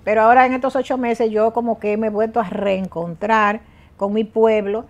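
An older woman from the Dominican Republic talks as a guest on a TV studio set. Her voice is close and clean through a lapel mic, with lively emphasis and restarts when she gets excited. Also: on the high side, moderate pace, highs cut off. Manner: lively, emphatic, frequent hesitations and repeats. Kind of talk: casual interview talk.

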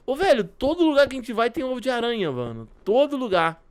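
A man hosting a Minecraft let's play, joking with a friend and yelling in panic. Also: very high voice, wildly swooping pitch, fast talker, clear, resonant tone. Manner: jokey, shouts in panic, teasing. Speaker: gaming channel host.

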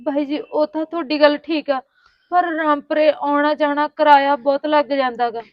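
A woman's voice: sits high, steady tone, normal speed, no room sound, lo-fi sound, close to an everyday voice. An actress playing a poor young village woman who pleads for housework, speaking in a plaintive voice. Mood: pleading.

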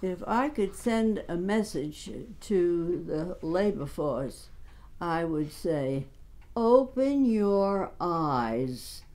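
A woman in her nineties, interviewed in a living room, speaking slowly and with indignant emphasis. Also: on the low side, lively intonation, warm tone. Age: 90s. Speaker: knitter interviewee. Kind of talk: casual interview.

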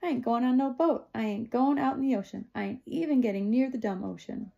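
A stubborn young country boy with a hot temper talks back in rough, ungrammatical speech, as a woman reads him aloud. His voice sits higher and louder than the reader's own, with a gravelly grain. It is a storybook voice. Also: brisk, highs cut off. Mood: defiant. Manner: defiant, drawling bad grammar.

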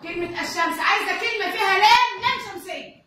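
High-voiced Egyptian woman teacher in an echoey classroom. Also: fast, pushed and bright, slight background noise. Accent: Egyptian Arabic. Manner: patient, drills pupils with repeated questions. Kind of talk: classroom reading lesson. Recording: echoey classroom, distant mic.

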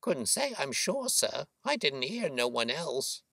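A woman's voice: a bass voice, very animated, unhurried, vocal fry, fairly bright tone, no echo, voice pushed up, full character voice. A man voicing a worried, talkative working-class London boatman's wife, chatty and deferential, in an audiobook story. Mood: confiding.

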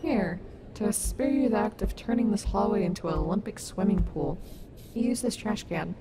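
A woman's voice: medium pitch, animated, normal speed, close to an everyday voice. A woman playing a caring, sassy robot wolf animatronic in an ASMR audio roleplay, soothing and reassuring with a wry streak. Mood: comforting, wry. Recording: noticeable background noise.

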